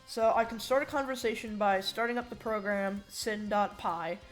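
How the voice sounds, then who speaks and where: A woman talks through a programming demo in an informal, unscripted way, thinking aloud as she goes. Her pitch sits in a middle range, and her S sounds come out a little slushy from braces. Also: normal speed, soft background music, poor audio. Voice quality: slightly slurred S sounds from braces and a bite plate. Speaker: hobbyist programmer demonstrating a project. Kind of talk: casual unscripted tech demo narration.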